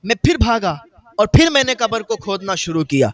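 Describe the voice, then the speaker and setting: Guy in a sermon doing a grieving brother, high voice, pleading and lamenting. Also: sing-song, dry recording. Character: grief-stricken grown man mourning his brother.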